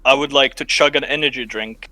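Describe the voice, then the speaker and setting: A man's voice: medium pitch, fairly even intonation, a little fast, bright, forceful tone, dry recording. A man playing a tabletop game, explaining his plans at length in a chatty way. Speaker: player.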